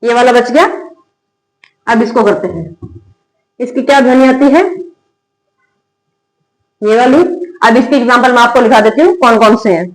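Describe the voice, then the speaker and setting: A woman with a high voice teaches English phonics in a classroom manner. She poses a question and answers it herself, and she drills example words slowly. The sound is roomy and echoey. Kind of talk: classroom-style phonics lesson. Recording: echoey room.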